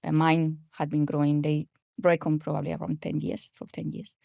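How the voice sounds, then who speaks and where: This Spanish-accented guest, a forties-aged health coach who grew up in Spain, gives casual interview answers hesitantly, with lots of fillers. Her low, gravelly, mellow voice stays level at a moderate pace, on a dry, studio-quality recording.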